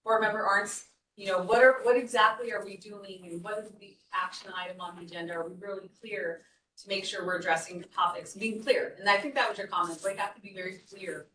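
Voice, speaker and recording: A woman's voice: medium pitch, fairly even intonation, a little fast, pushed and bright, slight background noise. A woman city staff presenter giving a board training, talking conversationally and explaining with frequent restarts. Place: meeting room. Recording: echoey meeting room, distant mic.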